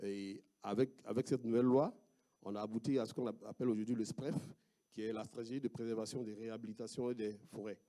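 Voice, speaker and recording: A man with an Ivorian French accent presents his research to an audience, walking through slides. His voice sits at an ordinary pitch but sounds dark and mellow. He talks haltingly, stopping often to fill gaps and restart his sentences. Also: steady tone. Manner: halting, many fillers and restarts. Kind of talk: academic talk with slides.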